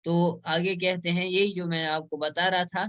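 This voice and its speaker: A man teaching Arabic grammar in an online class. He explains step by step, says example words slowly, and often checks with "right?". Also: high voice, little pitch movement, pushed and bright, clear, resonant tone.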